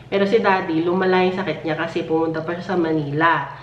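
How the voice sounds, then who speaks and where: A woman talks casually to her viewers from home, laughing often between sentences. Her voice sits a bit low and sounds faintly hoarse, with a cough now and then after a recent illness. The recording is distant and roomy, with muffled, dull highs. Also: fairly even intonation, quick pace, slight background noise. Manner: chatty and giggly, with frequent laughs. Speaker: family vlogger. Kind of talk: casual chat.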